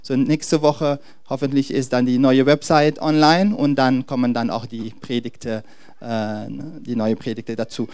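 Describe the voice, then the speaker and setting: The mid-range voice of a pastor, with no room sound, carries a sermon aimed directly at his congregation. He regularly gropes for words and begins his sentences over.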